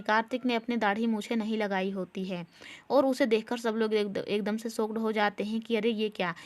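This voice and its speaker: A woman casually narrating a recap of a TV serial episode, retelling the scenes in plain everyday words. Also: a little high.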